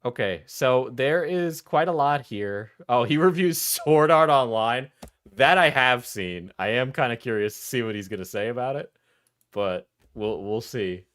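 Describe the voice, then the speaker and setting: A man's voice: medium pitch, lively intonation, measured pace, a bit bright, no echo. A man giving casual, rambling live stream commentary, with some swearing, as he reacts to videos.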